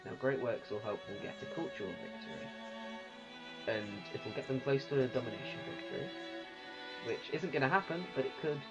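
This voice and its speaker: Halting male game commentator, muffled over music. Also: medium pitch, lively intonation. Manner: halting, thinking aloud. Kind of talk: unscripted strategy game commentary.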